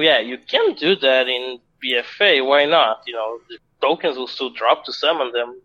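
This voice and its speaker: A man's voice: a little high, bright, forceful tone, highs cut off. A man co-hosting a casual gaming podcast, chatty and explanatory, laughing often. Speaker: podcast co-host.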